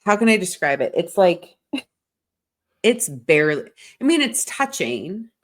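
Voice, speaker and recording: Sounding stuffed up from a sinus infection, this podcast co-host talks through her week in a deep, low, sing-song voice, a little slow. Her casual chat is loose and candid, packed with "like" fillers and plenty of swear words.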